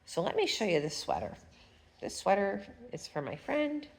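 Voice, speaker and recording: Speaking at a normal speed in a gravelly, mid-range voice with huge swings in pitch, this woman is a fiber arts vlogger giving a casual knitting tutorial from home. Her nose is stuffy, and she rambles chattily while showing her work, humming as she knits.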